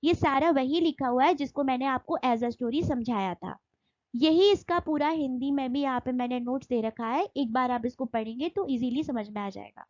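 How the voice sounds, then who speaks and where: A young Indian woman teaching an exam-prep lesson, reading English notes slowly and then explaining them in Hindi with fillers. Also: high-pitched, darkish tone, no room sound, dull audio.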